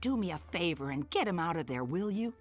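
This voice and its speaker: A motherly but feisty farm cook from a fantasy game. She is indignant and coaxing at once, with swooping mid-pitched speech over soft music. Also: big pitch swings, a little fast. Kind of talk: video game dialogue acting.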